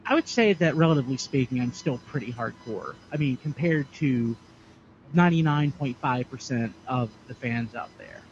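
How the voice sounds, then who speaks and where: Man, mid-pitched, emphatic, heard through a dull lo-fi mic with faint background noise. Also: animated, moderate pace. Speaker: guest. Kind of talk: casual group chat.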